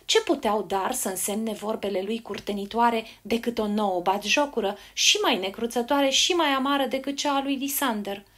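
A woman narrating a fairy tale in an expressive storybook reading. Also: on the high side, hardly any pauses.

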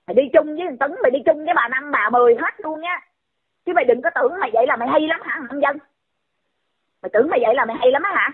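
A woman's voice: high-pitched, racing. A woman, scolding someone in a heated rant and firing off repeated insulting questions. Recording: tinny phone-line audio.

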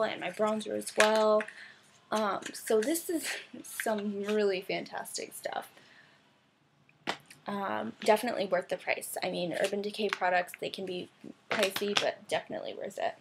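A young woman reviews her makeup products in a loose, chatty way, with plenty of ums and small laughs. Her voice has a slightly gravelly edge. A faint noise sits under the recording. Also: medium pitch. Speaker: beauty vlogger.

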